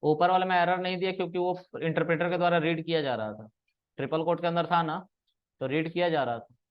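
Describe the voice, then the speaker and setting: A man's voice: fairly high pitch, quick pace, smooth. A man teaching programming in a casual classroom way, explaining step by step and checking that students follow. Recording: dull lo-fi recording.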